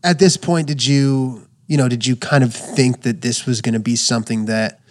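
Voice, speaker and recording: A man's voice: mid-range voice, steady tone, moderate pace, a little mellow. Hesitant, rambling male podcast host. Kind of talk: casual interview.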